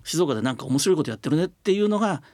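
Older male guest, earnest explainer, fast and animated, dry studio sound. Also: on the high side, dry recording. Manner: earnest, explaining at length with many fillers. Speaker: radio interview guest, business leader. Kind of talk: radio interview talk. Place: radio studio.

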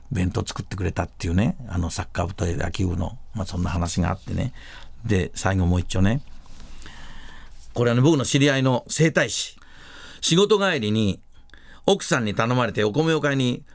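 Gravelly low-voiced man telling stories. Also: no echo. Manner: animated retelling with many fillers. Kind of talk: casual storytelling.

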